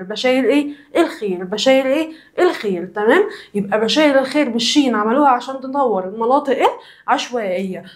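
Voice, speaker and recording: A woman's voice: fairly high pitch, a little mellow. A young woman teacher from Alexandria with an Egyptian Arabic accent, giving a children's social studies lesson and drilling the answers by asking the same question again and again. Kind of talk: recorded classroom lesson for children.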